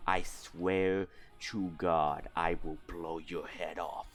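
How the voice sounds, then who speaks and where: Tabletop game gunslinger woman, acted by a man: low, slow, theatrical menace, cold and grim, music behind. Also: flat delivery, a bit bright. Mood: grim threat.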